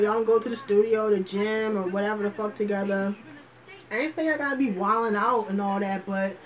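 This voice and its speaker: A woman's voice: medium pitch, poor audio. Rambling, slangy woman chatting on a livestream. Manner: thinks aloud with many fillers and restarts. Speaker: livestream host. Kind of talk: casual livestream chat.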